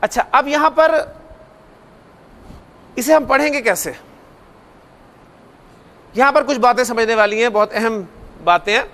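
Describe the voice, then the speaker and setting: A man's voice: very high voice, a little slow, pauses often, fairly bright tone. A man teaching Arabic grammar in a lecture, explaining step by step, repeating key points and putting questions to the class.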